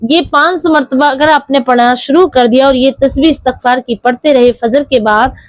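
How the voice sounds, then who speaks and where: A woman's voice: high voice, normal speed, no room sound. A woman giving an earnest religious talk to women, fondly addressing her listeners and reciting Arabic prayers. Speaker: religious speaker.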